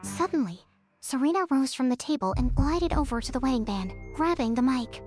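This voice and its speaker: Brief: high-voiced young woman, sarcastic cartoon narrator, music behind. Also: expressive. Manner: sarcastic, quick, chatty. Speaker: narrator and lead character. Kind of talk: animated story narration.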